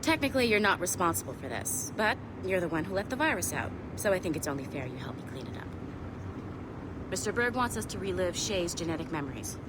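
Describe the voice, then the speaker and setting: An actress playing a brisk, sardonic young tech contractor who swears, in a video game. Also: female voice, fairly low pitch, big pitch swings, background noise. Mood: wry.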